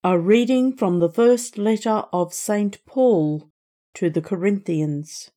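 A woman reading scripture as a lector in a solemn, deliberate liturgical style. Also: medium pitch, mellow.

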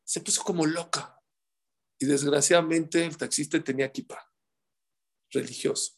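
A middle-aged man giving an animated storytelling sermon, addressing his audience directly. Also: a little high, moderate pace, creaky. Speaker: religious speaker.

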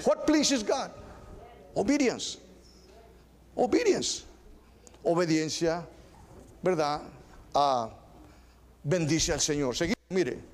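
High-voiced preaching pastor, emphatic repeats. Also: male voice, a little mellow. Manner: switches between Spanish and English, repeats phrases for emphasis. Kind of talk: bilingual sermon.

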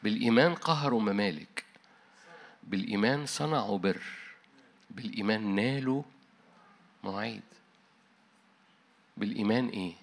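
A man with an Egyptian Arabic accent preaching a sermon, emphatic and full of rhetorical questions, dropping his voice low at the close. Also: fairly quick, creaky, pauses often.

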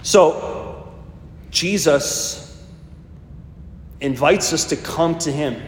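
A man's voice: fairly high pitch, drawn-out words, slight background noise. A priest in his fifties giving a homily in a conversational, storytelling way. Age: 50s. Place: church. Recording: echoey church, long reverb, faint ambience.

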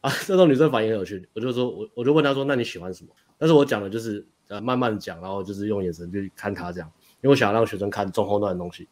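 A man's voice: fairly low pitch, a little mellow. A young man, a dating coach, telling a story in casual chat, rambling and restarting as he goes. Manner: rapid, rambling retelling with frequent restarts and laughs.

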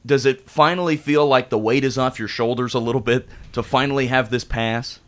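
A man's voice: medium pitch, fairly even intonation, fairly quick, a bit bright. American man hosting sports talk radio. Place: radio studio.

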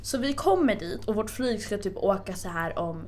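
A young woman excitedly retelling a story in casual chat, laughing as she talks. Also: medium pitch.

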